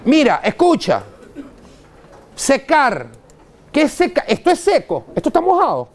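Venezuelan man, dental lecturer, animated swings in pitch, blunt slangy talk to a hall. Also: a little slow. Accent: Venezuelan Spanish. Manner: blunt, slangy, quizzes the audience. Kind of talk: live lecture to an audience.

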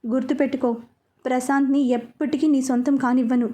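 A woman's voice: high voice, flat delivery, brisk, warm tone, close to an everyday voice. A woman voicing a jealous, two-faced young woman who taunts and whines, in a storybook reading. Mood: taunting. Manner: taunting, fake tearful whining.

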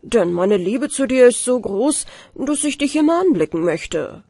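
A woman voicing a devoted young coachman who speaks tenderly to his sister, in a breathy voice. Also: a little high, lively intonation, unhurried, dark tone, no echo, voice pushed up, heavily acted. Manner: tender, pleading.

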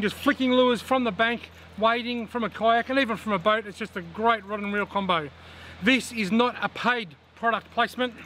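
A high-pitched Australian man in his thirties talks plainly and easily to a tripod camera beside a river, his voice bright and ringing. Faint outdoor noise hums behind him. He sounds relaxed and chatty, like a regular vlogger walking through his gear. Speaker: fishing vlogger. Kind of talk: casual to-camera gear talk. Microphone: camera on a tripod at chest framing.

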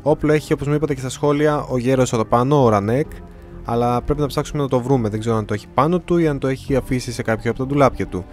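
A man's voice: mid-range voice, a little mellow, soft background music. A young man giving casual gameplay commentary, chatty and often reading the game's dialogue aloud in changing voices. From Greece. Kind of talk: casual let's-play commentary.

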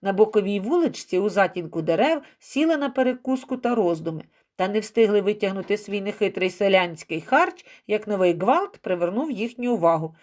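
A woman narrating a school novel as an audiobook in a steady, expressive reading style. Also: mid-range voice, brisk, few pauses.

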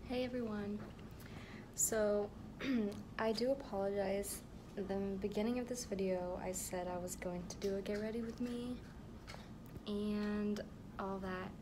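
A late-teen vlogger holds her phone or camera at arm's length in her bedroom, telling a rambling story full of fillers and restarts. Her mid-range voice is fairly even and measured, with an air conditioner humming behind her.

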